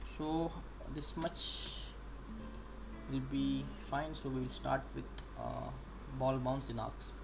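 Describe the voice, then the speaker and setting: A young man with an Indian English accent, an animation student thinking aloud while he works. He talks haltingly, with many pauses as he explains. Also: medium pitch, gravelly, over music. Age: young adult. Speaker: animation student streaming practice. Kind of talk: casual think-aloud livestream. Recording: steady background noise.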